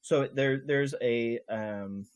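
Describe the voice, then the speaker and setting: A man's voice: medium pitch, slow pace, no room sound. A man playing a tabletop game casually, talking hesitantly with lots of ums and restarts. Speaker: player.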